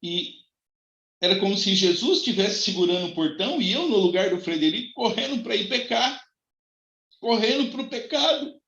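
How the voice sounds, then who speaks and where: A man preaching as a pastor, telling a personal testimony with dramatic swings between high cries and soft low passages. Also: lively intonation, a little fast. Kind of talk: sermon testimony. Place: church. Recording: echoey, dull lo-fi church recording.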